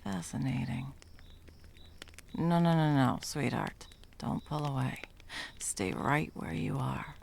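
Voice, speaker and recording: Playing an intense monster hunter for ASMR, a woman uses a rumbling low, slightly mellow voice that's gravelly and creaky, with lively intonation and a heavily acted style. Her menace and scorn come through deliberately, yet the mood grows hushed and softer, and a little hiss or hum can be heard.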